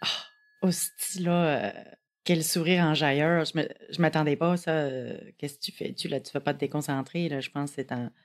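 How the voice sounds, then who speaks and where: A woman's voice: sits low, steady tone, normal speed, voice pushed down, close to an everyday voice. A woman putting on a flustered Québécois inner voice. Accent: put-on Québécois. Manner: self-scolding, hesitant inner monologue.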